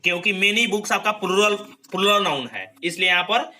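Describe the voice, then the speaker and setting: A man with a high, very bright and piercing voice runs an exam-prep grammar lesson. He drills each rule and checks in with his students after almost every point. His delivery is explanatory and repetitive. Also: lively intonation, normal speed. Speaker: English grammar teacher. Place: recorded lesson video.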